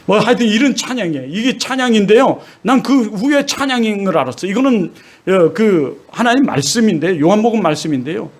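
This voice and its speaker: High-voiced man preaching with emotion. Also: expressive, a little fast. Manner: emotional, swings from hushed to loud. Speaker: pastor. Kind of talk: sermon with personal testimony.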